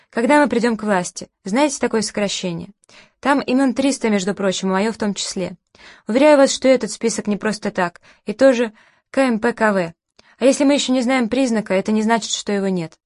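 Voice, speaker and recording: A caustic, challenging man who hosts the party, full of sour irony, as a woman narrator reads him. The voice sits fairly high and comes across close and dry, with no room sound. It has the feel of a literary audiobook. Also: darkish tone, dry recording, natural voice. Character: bitter sardonic middle-aged man, the host of a party.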